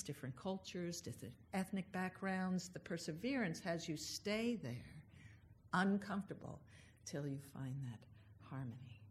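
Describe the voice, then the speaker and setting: A woman with a notably low voice delivers a reflective spiritual address. She speaks in an unhurried, thoughtful way, drawing out the words she leans on. A faint hum of noise sits under her voice. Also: a little mellow. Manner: unhurried, thoughtful, drawn-out emphasis on key words.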